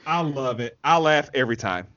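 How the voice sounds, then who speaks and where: Male podcast co-host, lively storyteller who acts out quotes; slightly muffled audio. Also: medium pitch, normal speed. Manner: animated, acts out quoted lines, laughs. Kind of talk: casual chat reviewing a sitcom episode.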